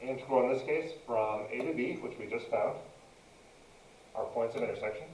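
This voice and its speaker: A man's voice: mid-range voice, moderate pace, a little mellow, echoey room, a little hiss or hum, poor audio. A man teaching a math lesson, dictating each entry step by step as he narrates a calculator demonstration.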